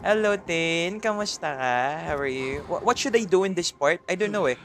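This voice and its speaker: A man's voice: sits high, expressive, moderate pace, soft background music. A man with a Filipino accent doing livestream gameplay commentary, greeting chat viewers by name and mixing Tagalog and English. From Philippines. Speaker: streamer.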